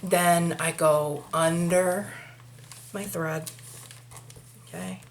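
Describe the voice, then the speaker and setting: Lower-voiced Maine woman teaching a craft. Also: fairly even intonation, extremely slow. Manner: chatty, talks through each step, mutters asides to herself. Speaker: craft tutorial host. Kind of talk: hands-on craft tutorial. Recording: noisy home recording with clicks.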